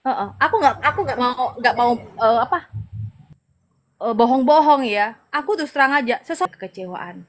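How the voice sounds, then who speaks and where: A woman's voice: a little high, expressive, a little fast. A middle-aged woman from Madura, an evangelist, giving an earnest, emotional personal testimony and advising the listener directly. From Madura, Indonesia.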